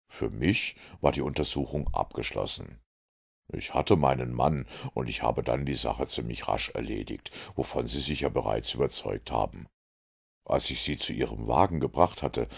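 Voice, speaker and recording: A man reading an audiobook aloud in the first person, measured and self-assured. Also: rumbling low, gravelly, breathy edge. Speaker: audiobook narrator.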